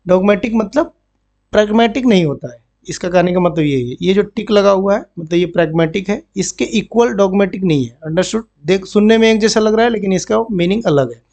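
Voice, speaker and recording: Male tutor, higher-pitched with a gravelly edge, drills words and keeps checking in. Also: expressive, a little fast, a little mellow. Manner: repeats words and asks "understood?" often. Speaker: banking exam vocabulary teacher. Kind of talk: Hindi-English classroom explanation.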